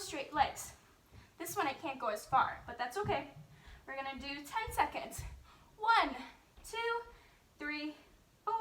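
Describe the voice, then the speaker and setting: A woman with a high-pitched voice leads a gymnastics-style workout. She gives simple instructions with frequent reminders and counts each hold aloud in an encouraging way. The recording is echoey, with her voice some distance from the microphone. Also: fairly bright tone. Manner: simple step-by-step cueing with reminders. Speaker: fitness and gymnastics coach. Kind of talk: follow-along exercise instruction. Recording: roomy echo, distant microphone.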